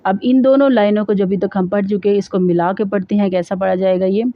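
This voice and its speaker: A woman with a Pakistani Urdu accent teaching Quran reading, spelling out syllables slowly and drilling them. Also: medium pitch, fairly even intonation, dry recording. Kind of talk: spelling out and recitation drill lesson. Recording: dull, dry close recording.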